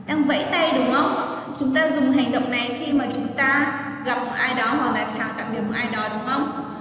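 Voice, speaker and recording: A woman teaching an English lesson to children, slowly drilling words and asking the children to repeat after her. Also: sits high, fairly even intonation, a bit bright. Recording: very echoey room, voice from mic distance.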